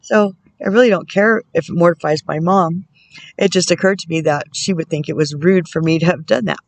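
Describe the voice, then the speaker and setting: A woman's voice: lowish voice, no echo, low-quality recording. Woman reading oracle cards, dry close sound. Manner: measured reading broken by musing, self-amused comments. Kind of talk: reading card texts aloud with chatty asides.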